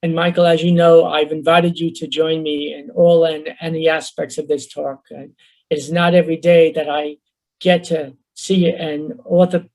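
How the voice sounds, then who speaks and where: Fast-talking Bronx man, gravelly. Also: on the high side, level tone, darkish tone, poor audio. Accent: New York Bronx. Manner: fast, earnest, emphatic. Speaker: social worker presenter. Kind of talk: online webinar talk.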